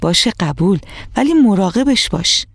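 A woman's voice: medium pitch, expressive, vocal fry, breathy edge, dry recording, clean studio sound. A woman voicing an insistent, reproachful young schoolgirl who wants her book back. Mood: asking.

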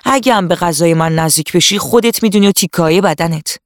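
A strong, stern male tiger in a children's radio story, voiced by the storyteller, who speaks in firm, scolding tones. He lectures with a low growl at times. The recording is dry and close. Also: no room sound, lightly acted.

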